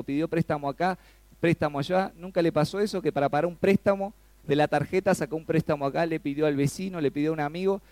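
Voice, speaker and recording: Male preacher, gravelly voice, animated sermon, dry close recording. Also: on the high side, no echo. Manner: animated, rises sharply when acting out pleas; asks the congregation questions.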